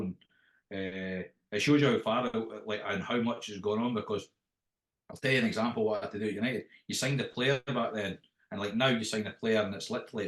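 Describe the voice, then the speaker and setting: A man's voice: on the low side, roomy sound, rough recording. A middle-aged Scottish man with a Dundee accent, telling career anecdotes in a casual, rambling interview style with frequent restarts. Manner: rambling, often restarts phrases mid-thought. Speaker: interview guest, after-dinner impressionist.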